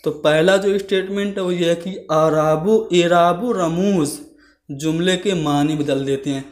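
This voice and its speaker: A man's voice: on the high side, measured pace. A man teaching a lesson, working through exam questions and explaining each option step by step. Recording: roomy echo.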